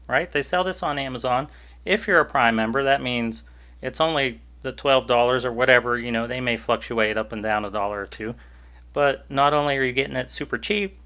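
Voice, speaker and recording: An easygoing man talks through a gadget review in a chatty, joking way. His voice is bright and sits at a middle pitch. He records at home straight into a cheap USB desk microphone. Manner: chatty, easygoing, jokey asides. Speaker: YouTuber reviewing gear. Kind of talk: casual product review vlog.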